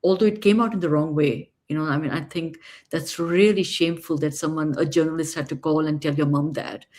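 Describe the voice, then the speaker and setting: A woman's voice: low-pitched, steady tone, a little fast, darkish tone. A woman hosting a podcast interview, speaking with empathy and asking long, winding questions. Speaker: podcast host. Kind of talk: interview conversation.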